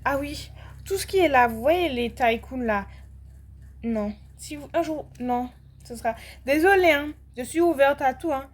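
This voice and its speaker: A woman's voice: sits high, unhurried. A young French woman chatting casually while playing a video game, rambling with lots of fillers and restarts and sudden outbursts. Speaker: gaming vlogger.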